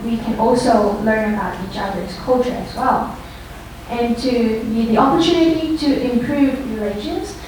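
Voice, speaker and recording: A woman's voice: on the high side, darkish tone. A young woman from Thailand hosting a cultural class, friendly and hesitant with many fillers. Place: large lecture room. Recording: very echoey room, distant mic, faint hiss.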